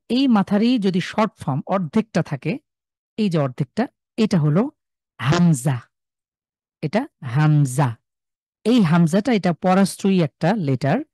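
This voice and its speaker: A man's voice: a little high, dark tone, no room sound, clean studio sound. A man with a Sylheti Bengali accent teaching a live online class, patiently drawing out and repeating each sound for his students. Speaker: Quran recitation teacher.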